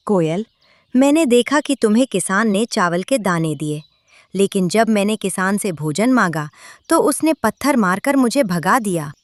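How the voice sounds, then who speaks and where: A woman's voice: medium pitch, expressive, normal speed, no room sound, lightly acted. A woman voicing a hungry, envious male crow in a children's cartoon story, insistent and complaining.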